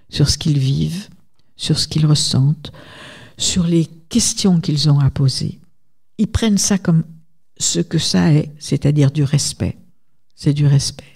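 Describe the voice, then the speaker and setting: A woman's voice: deep voice, dark tone. A woman researcher speaking as a guest at a conference, talking emphatically and turning often to the audience. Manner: emphatic, digressive, addresses audience directly. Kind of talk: conference talk.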